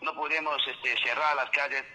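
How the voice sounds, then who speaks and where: A man's voice: medium pitch, steady tone, moderate pace, sharp tone, low-quality recording. A man running for local office, answering a radio interviewer with campaign talk and often addressing the host as his esteemed friend. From Peru. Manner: repeats a stock address to the interviewer. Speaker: local election candidate.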